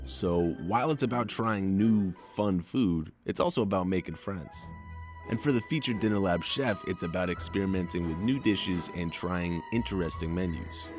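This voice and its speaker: A man hosts a podcast, reading his script with wry, conversational asides. His voice sits a little low. Faint music plays under his narration. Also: darkish tone. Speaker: podcast host.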